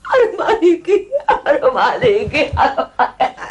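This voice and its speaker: A shrill wailing scheming wife. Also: female voice, sing-song, normal speed. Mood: wailing hysterical. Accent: Egyptian Arabic.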